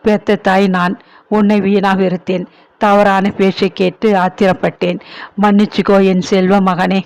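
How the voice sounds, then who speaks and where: A man's voice: sits high, little pitch movement, measured pace, vocal fry, darkish tone, clean tone. A man voicing an elderly ailing mother who pleads with her son, emotional and remorseful.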